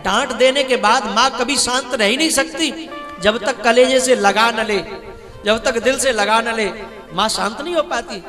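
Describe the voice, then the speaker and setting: A man giving a devotional sermon as a katha preacher, telling stories with emotion and slipping into slow sung bhajan lines. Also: extremely high pitch. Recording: reverberant hall with music.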